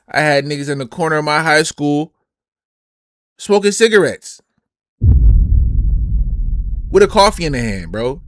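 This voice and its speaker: A man in his twenties giving blunt, emphatic, slang-heavy reaction commentary as a streamer, often trailing off quieter at the ends of phrases. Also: mid-range voice, no echo, studio quality. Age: 20s.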